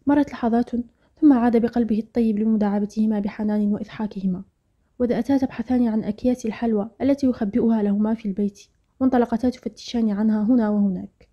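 A woman narrating a story in a brisk, earnest storytelling manner. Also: a little high, steady tone. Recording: dull lo-fi audio with faint music. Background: faint music.

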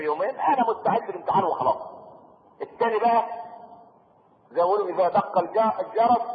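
A man with an Egyptian Arabic accent preaching a sermon, lively and joking, full of rhetorical questions to the audience. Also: fairly high pitch. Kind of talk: sermon with colloquial asides. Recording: echoey hall on a tinny lo-fi recording with faint noise.

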